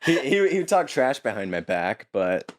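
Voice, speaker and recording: A young man from Utah sits in as a podcast guest and talks through his stories in an easygoing way, chuckling as he goes. His pitch sits in an ordinary middle range for a man. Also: unhurried. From Utah, United States. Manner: relaxed, chuckles often while telling stories. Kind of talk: casual storytelling chat.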